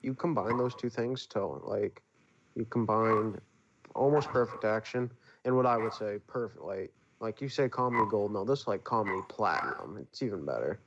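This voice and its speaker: A man's voice: on the low side, moderate pace, dull audio, crowd noise. A young man, a podcast guest, gushing in casual chat, rambling with lots of filler words. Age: young adult.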